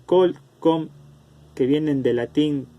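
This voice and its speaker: A man teaching an online class over a video call, explaining slowly and calling on students by name. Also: on the high side, dark tone, muffled recording.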